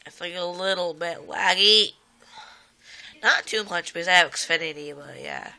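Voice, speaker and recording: Sitting by a computer at home, a young gameplay vlogger who is sick rambles through casual chat, peppered with "um" and "like", and exclaims at the game. The female voice is fairly low, creaky and sharp at a moderate pace, a bit rough, captured by a phone camera filming the screen.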